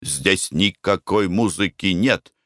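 A man voicing a polite, puzzled porter who speaks slow, broken Russian. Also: low-pitched, a bit bright, no echo, studio quality. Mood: patient. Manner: slow, careful, broken speech.

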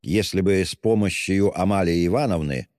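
A man's voice: low-pitched, moderate pace, a little mellow, studio quality, natural voice. A man voicing a smug, pompous middle-aged official who speaks with cold, reproachful politeness. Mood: flustered. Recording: long hall reverb.

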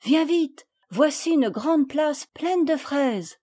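A woman reading aloud, voicing a sensible, lively little girl in a storybook with high, clear calls. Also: measured pace, no room sound, studio quality.

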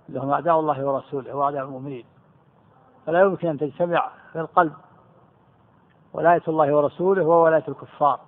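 Brisk male scholar commenting on a text in a lesson, quick and emphatic, on a narrow tinny recording. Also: medium pitch. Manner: quick, emphatic explaining with repeated words. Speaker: sheikh explaining a text.

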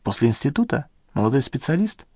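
A man's voice: mid-range voice, very animated, fast talker, dark tone, breathy edge, dry recording, clean studio sound. A man reading the lines of a persistent young woman scientist in an audiobook, with a pressing, questioning manner. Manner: pressing, questioning, near the reader's own voice.

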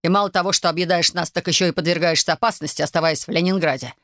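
A woman doing a harsh, shouting father. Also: on the low side, fairly even intonation, rapid-fire, no echo, clean studio sound, natural voice. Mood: angry. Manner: barking, shouting. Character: angry harsh father of the family.

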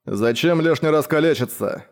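A burly working man who leads the group, speaking in a calm, steady way, as a male reader voices him. He stays near the reader's plain voice. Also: on the high side, normal speed, pitched above the performer's own voice. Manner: calm, reasoning.

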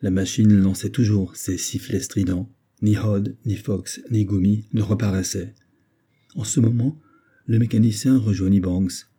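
A man narrating an adventure novel in a steady, measured audiobook reading. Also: on the low side, slightly rough. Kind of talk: scripted narration.

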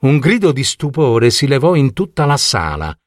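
A man narrating a fairy tale for children in a measured, deliberate way. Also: medium pitch, very animated, no room sound, studio quality. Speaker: storyteller.

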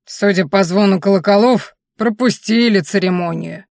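Brief: woman voicing brash green orc woman fighter, gruff and plain, audiobook, dry mic. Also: medium pitch, normal speed, darkish tone, dry recording, lightly acted. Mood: blunt. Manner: gruff, plain-spoken, snorting. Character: loud blunt green orc woman warrior.

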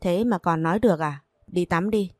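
A woman reading the lines of a young father who gently scolds and teases, in a plain audiobook reading voice. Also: on the low side, moderate pace, no room sound, studio quality, faint music behind, lightly acted. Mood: teasing, scolding. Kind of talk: audiobook narration.

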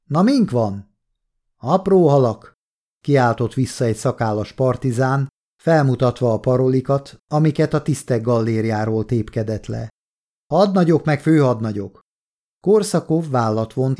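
A man from Hungary narrating a novel as an audiobook in a measured, deliberate reading. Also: mid-range voice, darkish tone. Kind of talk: scripted narration.

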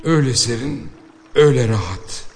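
A man voicing a mortally wounded male outlaw who talks on defiantly while dying, his voice low and subdued. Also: moderate pace, darkish tone, in a large hall, faint music behind, close to an everyday voice. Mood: fading. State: dying from a gunshot.

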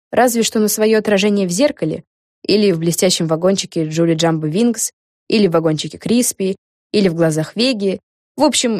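Brief: woman reading a children's audiobook, mellow and lowish, dry close sound. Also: no echo. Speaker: narrator.

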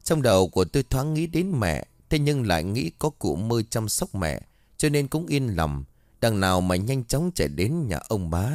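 A man with a lowish voice narrates a ghost story in the first person. His delivery is dramatic and expressive, with pitch that swings widely. The recording is dry and close. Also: normal speed, no room sound.

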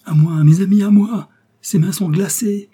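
An impulsive young swordsman cries out in urgent bursts, as a male reader acts him. The voice jumps well above the reader's usual pitch and gets loud. Underneath it stays dark and husky. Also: expressive, unhurried, heavily acted. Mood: frantic.

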